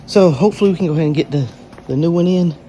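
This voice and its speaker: Plain-spoken man over clear background noise. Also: a little high, racing, warm tone. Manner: plain-spoken, explains step by step. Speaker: DIY car repair vlogger. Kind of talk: casual hands-on narration to camera. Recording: noisy workshop with vehicle-like background noise.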